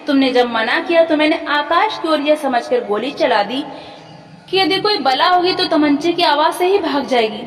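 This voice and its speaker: A woman's voice: high-pitched, animated, normal speed. A woman voicing a stern landowner father in a storybook reading, recorded far from the mic in an echoey hall. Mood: firm.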